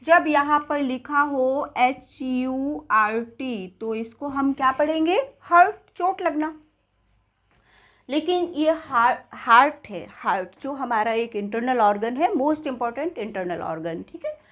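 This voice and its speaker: A woman teaching spoken English with an Indian accent, repeating each word slowly and checking in with her students. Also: high-pitched, fairly bright tone.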